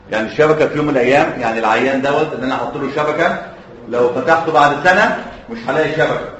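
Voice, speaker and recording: A man's voice: mid-range voice, a bit bright, a little hiss or hum. A man with an Egyptian Arabic accent giving a surgery lecture, quizzing the students and letting them finish his sentences. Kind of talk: classroom lecture. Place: lecture hall. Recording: echoey lecture hall, dull lo-fi audio.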